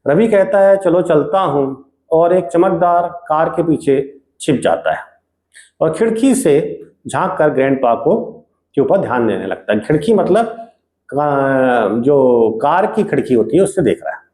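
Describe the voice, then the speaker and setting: A man teaching a lesson by retelling a story in a relaxed, conversational way, stopping now and then to check in. His voice sits high, and the recording carries a noticeable room echo. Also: unhurried. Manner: casual storytelling with frequent check-ins like "okay". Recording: echoey room.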